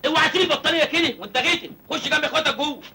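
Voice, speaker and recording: Naive village lad, Egyptian accent, cheeky, joking, high voice, very fast. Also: male voice, expressive, bright, forceful tone, slight background noise, full character voice. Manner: cheeky, joking, self-pitying. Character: naive cheeky village man, young, penniless. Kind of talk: film comedy acting.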